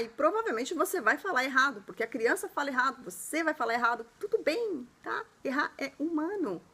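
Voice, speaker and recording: A woman teaches in a chatty, encouraging video lesson to camera. Her voice sits high and sounds bright and crisp. She keeps checking in with her audience through short tag questions. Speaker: English teacher and channel host.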